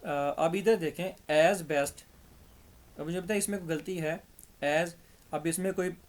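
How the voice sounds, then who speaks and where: Pakistani man teaching grammar, fairly high. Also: measured pace. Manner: patient, step-by-step explaining, repeats examples. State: dry throat. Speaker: English teacher. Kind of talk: grammar lesson.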